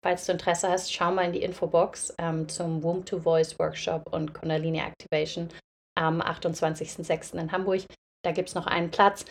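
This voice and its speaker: A young woman hosting a podcast, speaking in a gentle, reflective monologue directly to her listeners. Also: on the low side, little pitch movement, normal speed, a little hiss or hum. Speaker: podcast host and breathwork facilitator.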